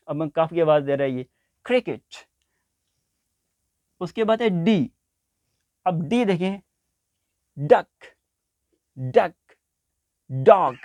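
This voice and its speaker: A man teaching a basic English lesson, speaking slowly and repeating example words. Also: sits high, a little mellow, dry recording, studio quality. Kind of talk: spoken language lesson.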